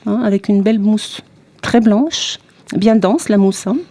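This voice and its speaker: French woman hosting a relaxed podcast. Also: mid-range voice, slight background noise. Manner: measured, explanatory, with many fillers. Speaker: podcast host. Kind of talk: hosted conversation.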